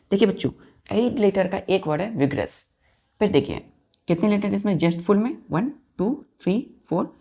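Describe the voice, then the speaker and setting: A woman's voice: on the low side, gravelly, darkish tone. A woman teaching a vocabulary lesson to students, spelling words out letter by letter and repeating each answer. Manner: asks pupils questions and answers them herself.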